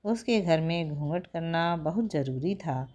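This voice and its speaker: A woman narrating a children's story, talking gently and directly to the kids. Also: low-pitched, expressive, measured pace.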